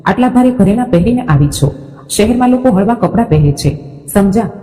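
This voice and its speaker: A woman's voice: mid-range voice, expressive, fairly quick, dark tone, close to an everyday voice. A woman reading the lines of a curt, stern mother-in-law in a storybook tale, with a long reverb.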